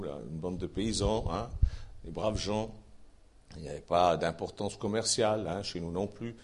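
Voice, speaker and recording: Low and husky, this Swiss preacher with a Swiss French accent delivers a casual Bible sermon. His folksy manner includes chatty asides to the audience and lively, rising emphasis.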